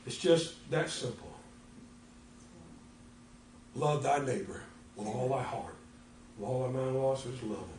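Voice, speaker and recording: An older man preaching a folksy, animated sermon as pastor, acting out little conversations. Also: medium pitch, measured pace, long pauses, slight background noise. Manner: folksy, animated, acts out dialogue. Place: church. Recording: echoey church room from far off.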